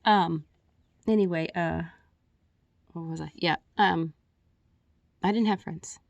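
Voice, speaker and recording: Woman, candid rambling video message; slightly out of breath, lower voice, dry and close. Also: steady tone, slow pace, vocal fry, no echo, muffled recording. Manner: rambling, candid, with frequent restarts and fillers. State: a little out of breath. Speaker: vlogger.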